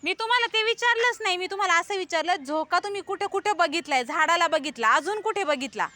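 A woman's voice: very high-pitched, expressive, fast, pushed and bright. A woman teaching young children in a classroom, patiently coaxing and firmly questioning them. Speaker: primary school teacher.

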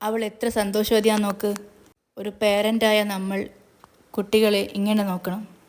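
A woman's voice: medium pitch, level tone, unhurried, darkish tone, lightly acted. A woman voicing a smug, taunting man in a spoken serial recap.

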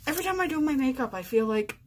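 She speaks in a high, animated voice and goes very fast, over slight background noise. A woman in her forties, she's a vlogger doing her makeup on camera at home in her bedroom, chatty and self-mocking as she narrates every step.

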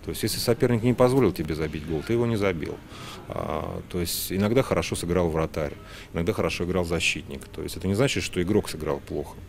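A man's voice: low voice, fast talker, creaky. A man in his forties, a hockey coach, giving a post-match interview at an indoor rink. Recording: faint ice rink noise.

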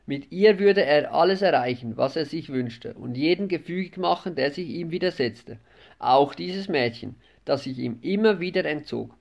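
A man narrating a fantasy audiobook in a measured, dramatic reading. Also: on the high side, expressive, gravelly. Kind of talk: scripted narration.

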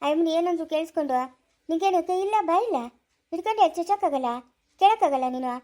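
Woman doing a sharp-tongued young wife. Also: very high-pitched, fast talker. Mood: indignant.

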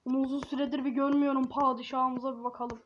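A woman's voice: high-pitched, little pitch movement, quick pace. A woman giving casual, slangy gameplay commentary, joking around and scolding a baby in the game. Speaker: gaming YouTuber. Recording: dull lo-fi with faint hiss.

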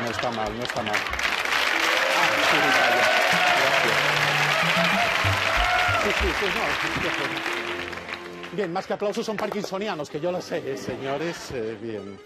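A man delivers stand-up in a mock-pompous lecturing tone. His voice sits high and swings widely. Loud audience noise and music fill the TV studio around him. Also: very animated, a little slow, long pauses. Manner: mock-pompous, teasing the audience, acts out joke characters with sudden high voices. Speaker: stand-up comedian on a TV game show. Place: television studio before a live audience. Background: audience laughter and applause, music.

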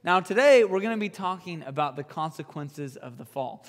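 A young man preaching a youth sermon, an animated storyteller who jokes and uses fillers. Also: fairly high pitch, moderate pace, long reverb tail. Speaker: youth pastor. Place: youth group room.

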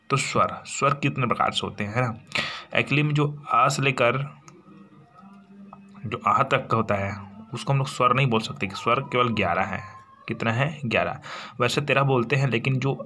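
Male teacher from India, exam-prep lesson, bright forceful voice, asks his own questions and answers them, many tag questions. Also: medium pitch.

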